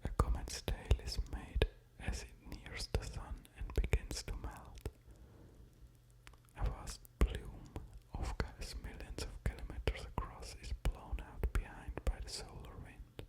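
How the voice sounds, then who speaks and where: A man doing whispered ASMR in a soft unvoiced whisper, close to an ear-to-ear microphone, musing in a hesitant way. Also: rough recording. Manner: slow, hesitant delivery with musing asides. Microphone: close-up stereo ear-to-ear microphone.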